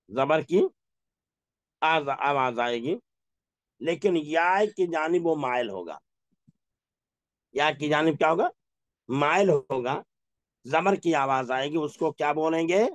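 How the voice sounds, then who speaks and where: A man teaching an Urdu reading class, drilling words slowly, repeating each one and asking the class questions. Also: fairly high pitch, no room sound. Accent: Pakistani Urdu. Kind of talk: Urdu reading lesson, drilling word pronunciation.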